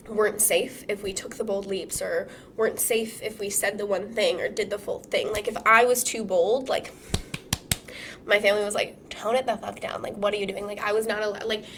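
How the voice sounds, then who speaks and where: A young woman with a hoarse, sick-sounding voice leads a live-streamed masterclass as a healing coach. She talks casually and animatedly, swearing freely and firing off rhetorical questions. Her pitch sits at an ordinary middle height for a woman. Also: steady tone, normal speed, a bit bright, a little hiss or hum.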